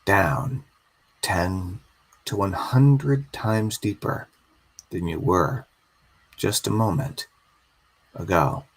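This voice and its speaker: A man guiding a slow hypnosis induction, soothing and repetitive. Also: sits low, lively intonation, husky.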